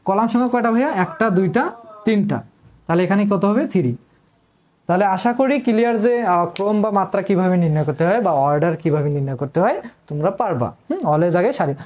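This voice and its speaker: Mellow-voiced woman math tutor. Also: mid-range voice, lively intonation, fairly quick. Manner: quizzes listeners, then answers her own questions; repeats key terms, informal address to students. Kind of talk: online math lesson.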